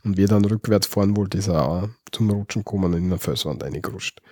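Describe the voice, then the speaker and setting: A man's voice: deep voice, fast talker, warm tone, dry recording, clean studio sound. A man with an Austrian accent, chatting easily as co-host of a podcast and explaining dialect words. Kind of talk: casual podcast chat.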